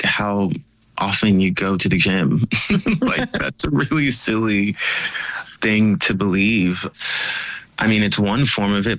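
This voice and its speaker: A man speaking as a guest in a casual interview, expressive and animated, with many "like" fillers. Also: lowish voice, poor audio. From United States.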